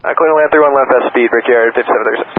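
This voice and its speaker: A man's voice: mid-range voice, very fast. A man working as an airline pilot, giving short, procedural readbacks to air traffic control over radio. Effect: aviation radio. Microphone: pilot's radio headset. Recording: narrow, noisy cockpit radio transmission.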